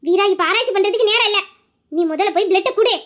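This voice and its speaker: An urgent, pleading young woman, played by a woman in an audio drama. Her voice sits very high. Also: fast, fairly bright tone. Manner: urgent, insistent.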